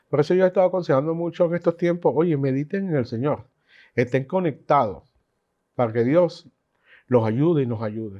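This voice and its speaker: A man teaches a Bible class in a lively, conversational manner, full of asides. His voice sits fairly high for a man. The recording sounds dull and lo-fi. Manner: animated, chatty teaching with asides and laughs.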